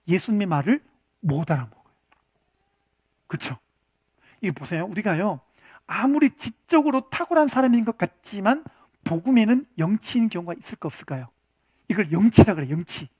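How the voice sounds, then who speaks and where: High-pitched guy teaching bible study, keeps quizzing the class, super dry sound. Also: a little fast, long pauses, dry recording. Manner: animated, keeps asking the class questions. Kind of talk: interactive Bible lesson. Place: church classroom.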